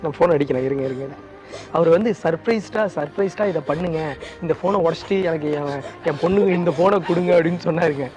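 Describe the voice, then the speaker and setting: A man's voice: on the high side, fast talker. A man hosting a prank video, coaxing and apologizing over and over with nervous laughs. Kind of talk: casual pleading apology. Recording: loud background music.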